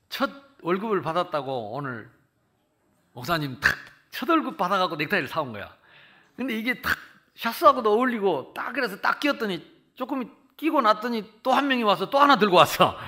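A South Korean pastor from Jeolla, aged in his sixties, preaches with animated stories that alternate between loudness and near-whispers. His voice sits high.

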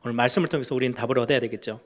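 A middle-aged man preaching a sermon as pastor, animated, often voicing questions in a raised voice. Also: mid-range voice, very fast.

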